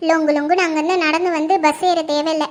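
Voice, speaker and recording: A woman's voice: high-pitched, flat delivery, fast, natural voice. A woman voicing a polite young female office worker in a cartoon. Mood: pleased.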